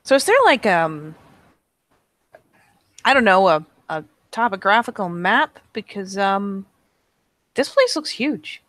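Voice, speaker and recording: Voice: mid-range voice, expressive, slow pace, pauses often, fairly bright tone, dry recording. Curious, hesitant tabletop player. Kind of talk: playing a tabletop game.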